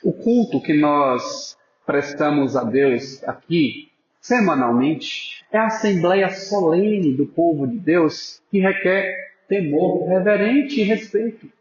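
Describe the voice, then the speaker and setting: A man preaching a sermon as pastor, earnest and pastoral, calling listeners brothers and sometimes dropping to a soft voice for emphasis. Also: fairly high pitch, expressive, slow pace, echoey room, muffled recording, slight background noise. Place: church.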